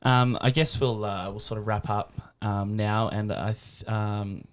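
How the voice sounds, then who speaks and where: A man's voice: fairly low pitch, fairly even intonation, unhurried, a little hiss or hum. A man hosts a casual podcast interview. He talks hesitantly, breaking into ums and restarting his sentences. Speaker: podcast host.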